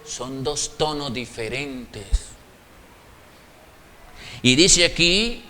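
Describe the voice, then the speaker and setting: A man preaching a sermon, animated and acting out little dialogues in shifting tones of voice. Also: on the high side. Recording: echoey hall reverb.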